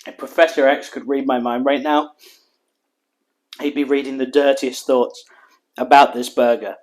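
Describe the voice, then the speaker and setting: Excitable man hosting a cooking vlog. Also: mid-range voice, normal speed. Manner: energetic and jokey, exclaims while tasting; calm, steady instruction in voice-over. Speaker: cooking show host. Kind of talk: cooking vlog, narrating recipe and tasting.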